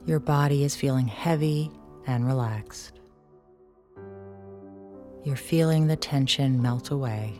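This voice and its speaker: A woman with a low voice narrates a guided relaxation in the manner of a sleep story. Her delivery is soothing and unhurried, with gentle pauses between instructions. Music plays behind her.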